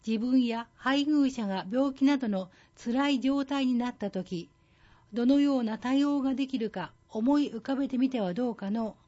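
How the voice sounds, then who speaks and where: A woman voicing a wise, folksy old doctor who gives gentle advice in old-man speech. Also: high voice, normal speed, lo-fi sound. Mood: wise, admonishing.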